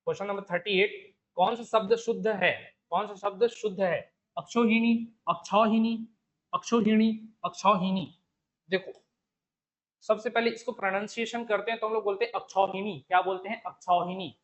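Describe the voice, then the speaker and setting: A man's voice: high-pitched, fairly even intonation, brisk, dull audio. A man teaching a Hindi spelling lesson online with a Chhattisgarhi Hindi accent, going through the options step by step and repeating key words. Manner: explains step by step, repeats the question and the answer over and over. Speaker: exam coaching teacher.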